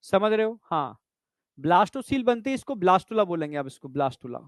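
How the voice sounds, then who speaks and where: A man teaching biology to a class speaks high and sing-song, fairly quickly, explaining in steps and regularly checking understanding. "Bhai" and "beta" are how he addresses students, and the sound is clean studio with no room sound.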